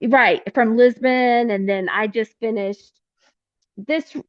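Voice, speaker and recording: A woman guest telling her story in a casual, animated way, acting out conversations with laughter. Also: a little high, slow pace, no room sound, dull audio. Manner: animated, acts out dialogue with laughs. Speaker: podcast guest, pilgrim.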